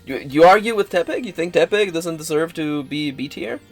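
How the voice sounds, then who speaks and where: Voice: medium pitch, expressive, normal speed, soft background music. A person bantering casually as a co-host, arguing opinions emphatically, repeating points and swearing freely. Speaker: co-host ranking Pokémon on a stream.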